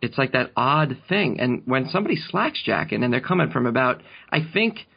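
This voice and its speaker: Brief: male podcast co-host, husky and gravelly, deadpan, halting delivery, dull lo-fi recording. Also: medium pitch. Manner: deadpan, halting with fillers, slow absurd asides. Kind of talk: comedic podcast banter.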